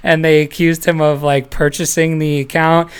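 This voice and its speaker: A podcast host chats loosely with the panel, rambling between stories and laughing often. The voice sits at a middling pitch. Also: level tone, normal speed. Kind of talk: casual panel chat.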